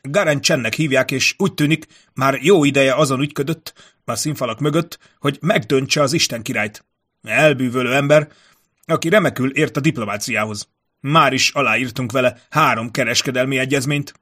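A man's voice: medium pitch, a bit bright, voice pushed up, lightly acted. A man voicing a nervous, courtly male ambassador who stammers and fills his talk with hesitations. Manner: stammering, filler-laden, trembling.

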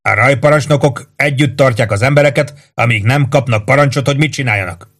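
A man reading an audiobook, voicing a gruff army first sergeant who shouts orders at his troops in a loud, raised voice. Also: mid-range voice, voice pushed up. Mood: commanding, shouting. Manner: barks commands, curses, loud and emphatic.

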